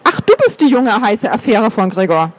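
A man's voice: sits high, big pitch swings, normal speed. A man voicing a tense, weary young man in an audiobook. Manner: tense, sighing. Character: young, sharp-tongued man, tense and unsure.

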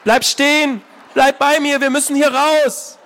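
A man reading aloud and voicing a desperate young woman who shouts after her lost brother. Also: brisk. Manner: high, frantic shouting.

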